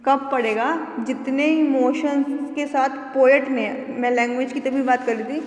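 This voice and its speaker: A woman's voice: sits high, steady tone, a little slow, roomy sound, big-room sound. A woman teacher educator giving a classroom lecture, explaining with examples and checking in with her students often. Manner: explains with examples and frequent "ठीक है" check-ins.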